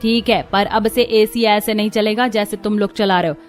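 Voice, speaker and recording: A woman voicing a stingy, bossy middle-aged mother-in-law in a cartoon, sharp-tongued and scolding. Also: medium pitch, steady tone, normal speed, soft background music, natural voice. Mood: stern. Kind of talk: cartoon voice acting.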